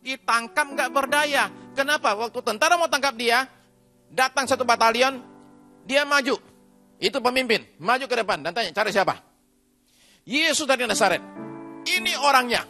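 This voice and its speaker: A man preaching a sermon testimony to a congregation in church. He swings dramatically between loud emphatic peaks and hushed low passages, repeating words for effect. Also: moderate pace, long pauses, faint music behind. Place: church service before a congregation.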